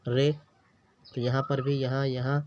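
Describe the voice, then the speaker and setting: Slow, patient male language teacher. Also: mid-range voice, level tone, darkish tone, a little hiss or hum. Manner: patient, sounds out letters and words one by one; repeats each word, checks in with the learner often. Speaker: Urdu teacher. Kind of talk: beginner language lesson. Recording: dull lo-fi recording.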